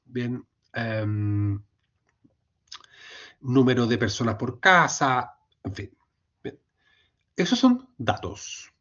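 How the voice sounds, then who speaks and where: Male lecturer, Chilean accent, unhurried and emphatic, dull recording. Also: mid-range voice. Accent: Chilean Spanish. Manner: frequent checking tags and restarts, animated emphasis. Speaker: teacher.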